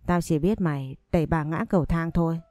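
A woman's voice: deep voice, a little fast, dark tone, no room sound, studio quality, natural voice. A woman voicing a spiteful scheming young woman. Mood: mocking.

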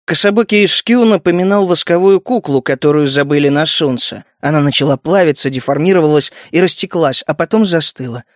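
A man's voice: on the high side, dry recording. Man narrating a story in a dry voice. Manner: measured storytelling reading. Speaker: audiobook narrator. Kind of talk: scripted narration.

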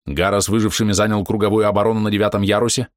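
A man giving steady, measured first-person narration of a fantasy audiobook. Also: fairly low pitch, dry recording, studio quality.

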